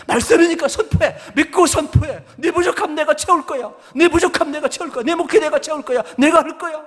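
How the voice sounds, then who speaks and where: A man's voice: very high voice, a little fast, fairly bright tone, pitched above the performer's own voice. A man voicing God as a commanding, reassuring divine figure who repeats short orders. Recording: echoey church hall.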